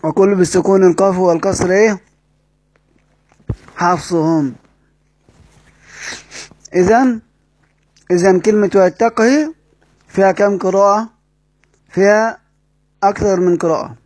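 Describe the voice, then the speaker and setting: A man's voice: high voice, a little slow, pauses often, a little mellow, no echo. A man with an Egyptian accent teaching Quran recitation rules, repeating key phrases and asking and answering his own questions. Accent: Egyptian Arabic. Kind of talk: classroom explanation.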